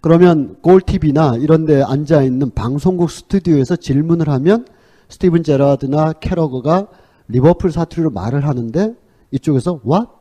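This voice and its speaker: A man giving a conversational public lecture, telling stories with frequent fillers and pauses. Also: on the high side, warm tone. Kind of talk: public lecture on sports and culture.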